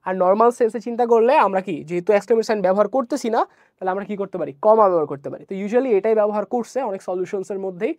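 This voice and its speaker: A woman's voice: mid-range voice, fast talker, darkish tone, dry recording. A woman teaching an online exam-prep English lesson, explaining step by step and often asking checking questions.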